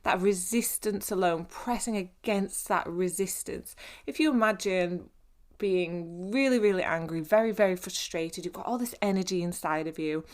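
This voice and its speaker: A woman's voice: on the low side, normal speed. A woman fitness coach talks through a podcast episode in a casual, encouraging way, with many fillers and restarts. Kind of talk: podcast monologue.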